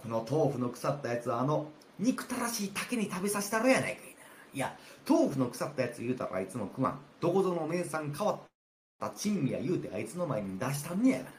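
Sly kansai master plotting, low-ish hushed voice, roomy echo, man doing rakugo. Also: sing-song, quick pace, a little hiss or hum. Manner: sly, conspiratorial. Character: scheming older male master of the house. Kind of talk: rakugo storytelling. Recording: roomy with faint ambience.

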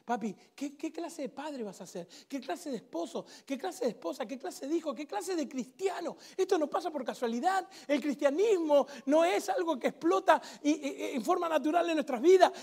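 A man preaching a sermon in a church with a Rioplatense accent, emphatic, swinging between shouts and hushed intensity. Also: very high-pitched, animated, normal speed, hardly any pauses. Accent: Rioplatense Spanish.

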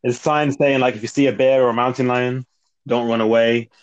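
A man in his thirties with an urban British accent chats informally in a medium-pitched voice. He recounts things matter-of-factly, and the recording is dry and a little dull. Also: flat delivery, fairly quick, dry recording. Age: 30s. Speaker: interview guest. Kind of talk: casual chat, recounting experiences.

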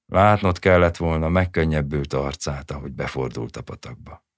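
A man's voice: extremely low pitch, no echo, studio quality. A man reading the part of a mocking, cruel hussar soldier in a taunting tone.

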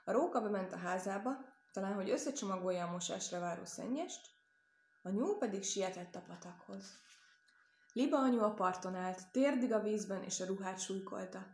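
A woman reads a children's tale aloud, steady and expressive, her voice mid-pitched. The recording carries a clear room echo. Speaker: reader. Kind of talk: storybook narration.

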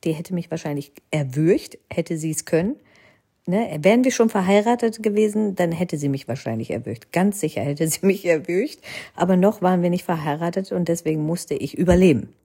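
A woman's voice: on the low side, animated, fairly quick, dark tone, husky. A woman telling the story of her own wedding in a casual, rambling way, tagging nearly every sentence with a questioning "ne". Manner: rambling, constant tag question "ne?".

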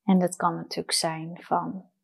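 Slow, soft-spoken woman guiding meditation. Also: on the low side, little pitch movement, gravelly, slightly rough. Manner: soft, soothing, unhurried with long pauses. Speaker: meditation guide. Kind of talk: guided meditation.

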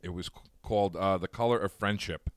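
A man with a fairly low voice co-hosting a podcast in relaxed, casual chat. He laughs often as he talks. The sound is close and dry, with no room around it. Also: fairly quick, no room sound. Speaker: podcast co-host.

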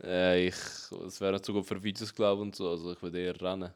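A young man with a Swiss German accent co-hosting a casual chat, explaining things calmly with hesitant fillers. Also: deep voice, fast, clean tone. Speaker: co-host.

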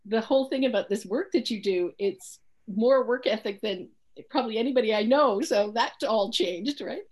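A woman's voice: a little high, moderate pace, darkish tone. A woman interviewing a guest in a chatty, casual way, with easy laughs and apologetic asides.

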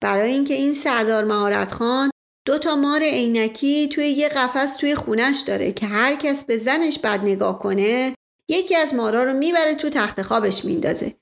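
A woman's voice: high voice, creaky. Brief: woman playing a scheming charmer of a nobleman, persuasive and playful, storybook. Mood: mock-serious.

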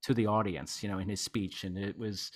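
Talking a little fast in a low, steady voice, a man hosts a podcast and enthusiastically rambles about his favorite music in a casual chat, leaning heavily on "you know." There is slight background noise.

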